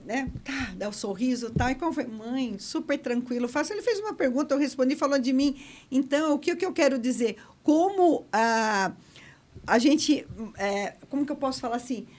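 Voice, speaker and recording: A middle-aged woman hosting a casual podcast, teaching public speaking in an expressive way and gesturing a lot as she talks. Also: high-pitched.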